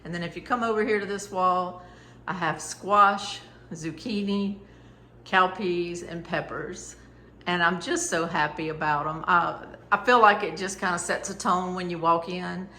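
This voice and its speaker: A woman's voice: lowish voice, steady tone, unhurried, pushed and bright, echoey room. A woman giving a casual, chatty tour in a homey way, with proud, happy enthusiasm. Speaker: vlogger showing her farm store. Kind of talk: casual home tour narration.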